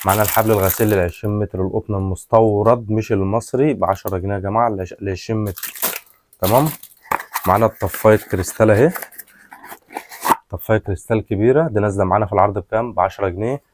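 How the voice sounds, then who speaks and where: Fast-talking Egyptian man selling goods. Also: on the low side, fairly even intonation. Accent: Egyptian Arabic. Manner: repetitive, colloquial patter addressing customers. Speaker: shop seller, product presenter. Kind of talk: casual sales pitch, product walkthrough. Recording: clearly noisy, rustling and clicking handling sounds.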